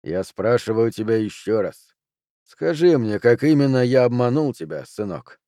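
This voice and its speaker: A man voicing a cool, unflappable card sharp in an audiobook, speaking quietly and measured. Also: medium pitch, expressive, dry recording, clean studio sound, natural voice. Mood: cold. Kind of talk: audiobook character reading.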